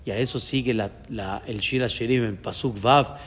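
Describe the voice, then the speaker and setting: A man with a Mexican accent, a rabbi giving a Torah lesson in a lively way, acting out people's thoughts and chuckling as he explains. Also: mid-range voice, moderate pace, breathy edge. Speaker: rabbi teaching a class. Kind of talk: Torah lesson on a biblical book. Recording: long hall reverb.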